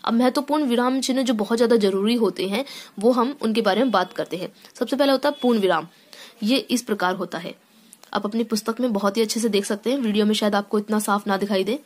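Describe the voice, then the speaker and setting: A woman's voice: mid-range voice, quick pace, a little mellow. A woman teaching a grammar lesson. She explains step by step, often checks in with "theek hai", and reads each rule aloud before unpacking it. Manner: reads sentences aloud then explains them.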